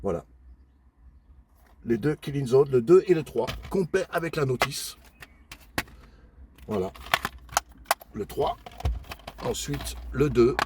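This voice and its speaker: An older man in a casual show-and-tell vlog, calmly listing his flea-market finds one by one with many pauses and fillers, and chatting warmly with his viewers. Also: mid-range voice, noisy background. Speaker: flea-market collector vlogger.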